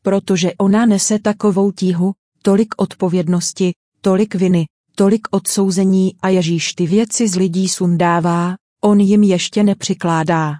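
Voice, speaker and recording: A woman's voice: medium pitch, steady tone, warm tone, dry recording, studio quality. A woman giving a dubbed sermon voice-over in an earnest, direct preaching manner.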